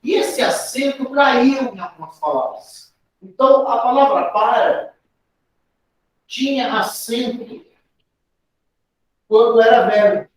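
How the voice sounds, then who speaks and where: This Brazilian-accented man speaks at an extremely high pitch, slowly and with frequent pauses. He walks through an exam grammar lesson step by step, regularly adding tag questions, and the recording sounds distant in a very echoey space.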